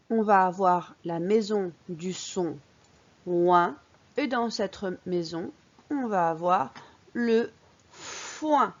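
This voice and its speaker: Woman teacher doing a phonics lesson, slow and sing-songy, kinda muffled lo-fi audio. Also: fairly low pitch, a little mellow. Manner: slow, clear, sing-song teacher voice, stressing key words. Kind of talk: early-reading phonics lesson.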